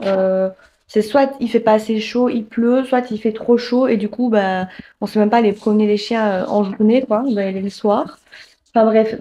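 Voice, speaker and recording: A young woman, chatting casually in a voice-over about what she ate, with lots of little fillers. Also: a little high. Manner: chatty, relaxed, full of fillers like "euh" and "voilà". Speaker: food vlogger.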